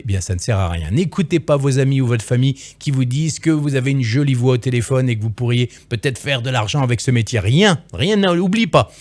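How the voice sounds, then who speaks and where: A man's voice: mid-range voice, a little mellow, dry recording. A man coaching future voice-over artists in an emphatic, playful direct-to-camera lesson, on a close microphone.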